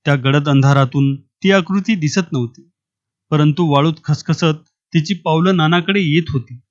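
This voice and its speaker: A man narrates a village short story in a steady, measured reading voice that sits somewhat high. The recording is dry, with no room sound, and slightly dull in tone. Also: no echo.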